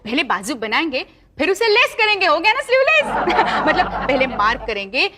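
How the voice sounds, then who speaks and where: A woman's voice: high-pitched, big pitch swings, normal speed, sharp tone, exaggerated voice. An actress playing a bossy, chatty woman head clerk in a sitcom who giggles her way through office gossip. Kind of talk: sitcom acting.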